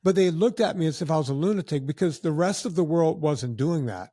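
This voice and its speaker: A man guest on a podcast, telling casual stories in an animated way and acting out what other people said. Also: a little high, a little fast, dry recording, clean studio sound. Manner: animated anecdotes with acted-out quotes of other people. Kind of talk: casual storytelling.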